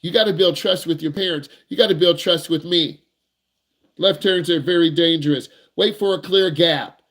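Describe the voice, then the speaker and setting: Man, driving instructor, high-pitched voice, animated and emphatic, energetic teaching talk to camera. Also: moderate pace. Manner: animated, emphatic, acts out nervous students in a higher voice.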